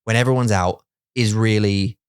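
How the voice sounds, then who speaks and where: A man's voice: fairly low pitch, fairly even intonation, moderate pace, clean tone. A middle-aged man co-hosting a podcast, rambling in casual chat and acting out little scenes with put-on voices. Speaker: podcast co-host.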